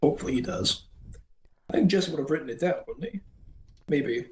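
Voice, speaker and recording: A man's voice: on the high side, animated, fairly quick. A man playing a tabletop game over a voice call, goofy and teasing. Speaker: player. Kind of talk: joking around during a tabletop game. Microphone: voice call mic.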